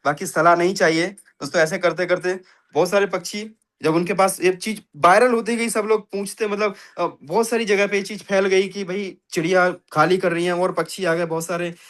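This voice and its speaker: A man's voice: sits high, little pitch movement, moderate pace, fairly bright tone. A man giving an emphatic motivational talk on a video call, telling a fable and repeating catchphrases to his audience. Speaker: motivational speaker in an online finance meeting.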